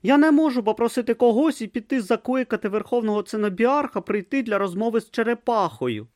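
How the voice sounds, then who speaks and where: A man's voice: very high-pitched, lively intonation, a little fast, a little mellow, no room sound, clean studio sound, voice pushed up. A man playing a timid, naive young novice monk who speaks earnestly and hesitantly. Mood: anxious. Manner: earnest, hesitant, wide-eyed.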